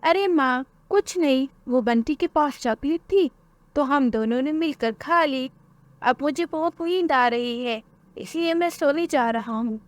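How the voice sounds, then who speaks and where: A woman's voice: sits high, unhurried, dry recording, pitched above the performer's own voice. A woman voicing a playful young boy bird in a cartoon who talks in a fidgety, fibbing way. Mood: nervous.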